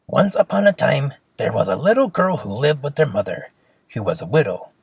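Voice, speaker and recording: Reading a simple fairy tale aimed at children, this expressive narrator speaks briskly in a husky, creaky, mid-range voice that moves up and down a lot. It's a dry, close recording.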